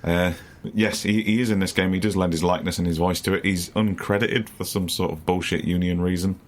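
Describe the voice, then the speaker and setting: Deep-voiced man, sweary and laughing. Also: fairly even intonation, a little fast. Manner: swears freely, laughs often, acts out quotes. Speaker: podcast co-host. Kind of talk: casual chat.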